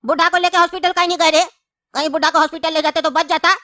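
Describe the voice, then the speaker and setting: A woman's voice: very high-pitched, steady tone, rapid-fire, pushed and bright, dry recording, studio quality. A woman voicing a bossy male judge in a comedy skit who scolds and mocks the accused. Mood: scolding. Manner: scolding, mocking, threatening.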